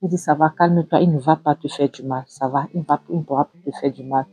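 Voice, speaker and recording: Woman voicing a gentle soothing friend, husky and soft. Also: low-pitched, steady tone, quick pace. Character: caring young woman soothing a patient.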